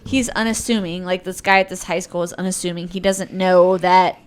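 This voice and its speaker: A young woman guesting on a casual podcast, retelling a film plot in a chatty, halting way. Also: on the low side, completely flat delivery. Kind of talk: casual film chat among friends.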